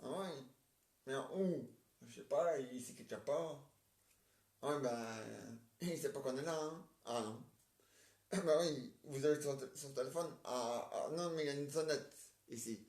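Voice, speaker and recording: A man acting out a comic play and switching between roles, halting and stammering as he repeats his words. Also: medium pitch, darkish tone. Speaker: amateur stage performer. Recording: roomy, distant mic.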